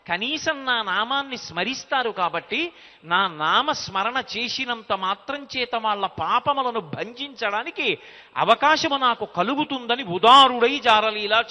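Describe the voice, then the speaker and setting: A man giving a devotional sermon, telling a story, reciting verses and acting out the dialogue. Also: extremely high pitch. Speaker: spiritual discourse speaker. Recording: dull lo-fi audio with long hall reverb.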